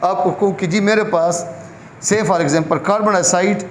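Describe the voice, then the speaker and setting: اونچی آواز والا مرد، گونجتے کمرے میں لیکچر دیتا ہوا. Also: male voice, sits high, fairly even intonation, a little hiss or hum. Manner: explains by asking questions and answering them himself. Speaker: biology lecturer. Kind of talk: classroom lecture. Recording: echoey room with faint background ambience.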